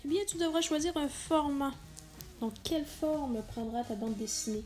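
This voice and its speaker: Music runs in the background as a teacher with a high-sitting voice explains a lesson at normal speed in an instructional video. Addressing students directly, she stresses key words.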